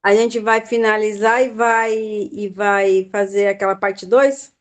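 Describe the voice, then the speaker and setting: A woman in a book club video call, giving relaxed, brief replies. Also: mid-range voice, slow.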